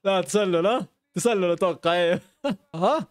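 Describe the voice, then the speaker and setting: This young Arabian man speaks at a normal speed in a high-pitched voice, reacting live to football clips. He's excitable, often exclaiming and laughing, and there's no room sound.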